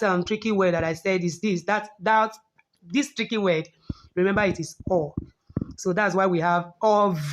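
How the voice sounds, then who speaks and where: Slow, patient woman teaching phonics. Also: medium pitch. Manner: slow, patient, repeats words for learners. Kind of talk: online phonics lesson for young children.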